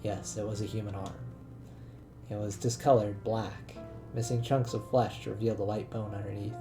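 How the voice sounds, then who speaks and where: Gravelly man reading game narration. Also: on the low side, level tone, normal speed. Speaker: let's-play narrator. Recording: voice over game music.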